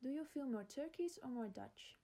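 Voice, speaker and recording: Female interviewer, scripted questions, slightly high, warm and dark tone. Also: animated, normal speed.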